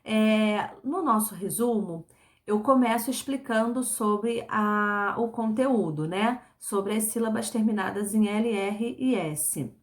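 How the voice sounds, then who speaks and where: A woman with a Brazilian Portuguese accent teaching a recorded online class, speaking slowly and patiently, repeating words syllable by syllable and checking in with short tag questions. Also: mid-range voice.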